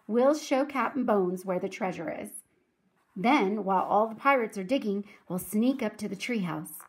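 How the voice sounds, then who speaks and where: A woman's voice: medium pitch, normal speed, close to an everyday voice. An earnest young boy speaks plainly and carefully, a little worried, as a woman reading a storybook puts him on. The voice stays close to an ordinary speaking voice. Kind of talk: storybook read-aloud.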